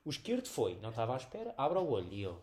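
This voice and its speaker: A young man with a European Portuguese accent, telling a story in a casual podcast chat, animated, swearing often and acting out the scenes. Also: mid-range voice, very fast, slight background noise. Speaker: podcast co-host.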